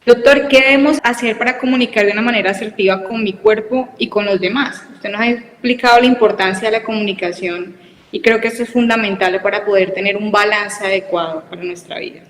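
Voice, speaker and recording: A woman interviewer puts polite, formal questions to a doctor. Her mid-pitched voice sounds a little distant, in a room with a long, echoing reverb. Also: a little fast, a bit bright.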